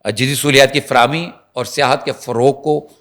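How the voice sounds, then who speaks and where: A man at an ordinary pitch talks as a guest journalist on a talk show. He tells his story in a lively, rambling way, full of restarts and asides to the viewers. He often slips into the voices of the people he is quoting. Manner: animated storyteller, acts out quotes; restarts and fillers, addresses viewers directly. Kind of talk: conversational talk show commentary.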